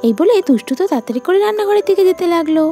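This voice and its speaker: High-voiced woman narrating a storybook. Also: animated, very fast, dark tone, faint music behind.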